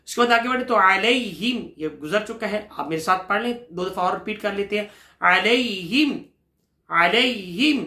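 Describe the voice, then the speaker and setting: A man teaching Quran recitation. He chants each word slowly and draws it out, has the listener repeat after him, then explains briskly and answers his own questions. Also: sits high, bright, forceful tone, echoey room. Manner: patient, asks questions to the listener and answers them himself. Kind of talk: recitation lesson with call-and-repeat.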